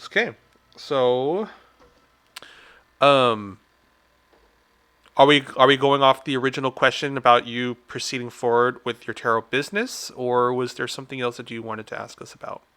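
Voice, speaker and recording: A man with a bright, forward tone co-hosts a live tarot stream. He talks in a relaxed, chatty way and often jumps in over his partner. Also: medium pitch, moderate pace, long pauses, clear, resonant tone. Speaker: tarot reader co-host. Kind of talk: casual live stream chat.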